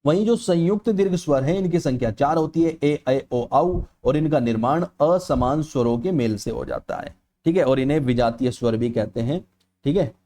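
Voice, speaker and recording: A man's voice: mid-range voice, normal speed, dark tone. A male teacher giving an exam-prep lecture in an explanatory manner, often checking in with "okay" and stretching out vowels aloud to show how they sound. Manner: explanatory, repeats "ठीक है" often.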